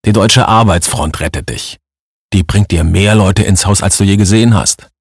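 A man voicing a coarse, blustering middle-aged village man who mocks loudly in a husky voice. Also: deep voice, moderate pace, no echo, studio quality. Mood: mocking. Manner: blustering, mocking, raised voice.

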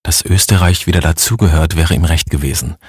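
A man voicing a quiet, careworn mother. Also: rumbling low, husky, dry recording, studio quality. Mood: subdued. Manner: soft, subdued, slow.

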